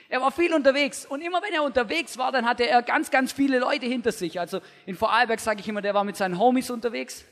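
A man preaching a youth sermon, telling a Bible story in slangy, energetic storytelling with shouted asides. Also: sits high. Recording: long hall reverb.

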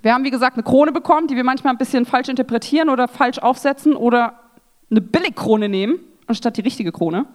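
A young woman giving a sermon talk at a church women's evening, lively and self-mocking, acting out what others say. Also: high-pitched, fast talker. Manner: lively, self-mocking, acts out quoted voices.

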